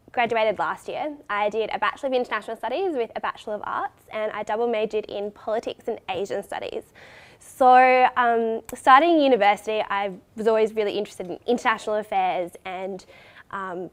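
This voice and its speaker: Nasal young Australian woman with a cold. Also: mid-range voice. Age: 20s. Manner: chatty, with many "um" and "you know". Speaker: recent graduate speaker. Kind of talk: open day talk.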